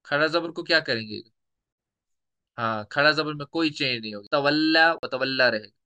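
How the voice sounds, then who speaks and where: A man teaching a tajweed lesson, patiently explaining rules and repeating example words slowly. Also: a little high, pushed and bright, clear, resonant tone. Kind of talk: lecture with recited examples.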